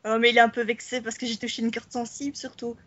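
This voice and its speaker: A woman's voice: on the high side, flat delivery, quick pace, fairly bright tone, slight background noise. A woman in her twenties from Belgium with a Belgian French accent, cheerfully introducing herself as a new columnist. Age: 20s. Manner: cheerful, joking. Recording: dry, dull lo-fi audio.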